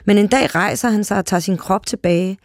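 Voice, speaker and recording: A calm literary reading of a short story, delivered at a steady, even pace. The voice sits at middling pitch and is recorded close and dry, with no room sound. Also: no room sound. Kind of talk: calm literary read-aloud.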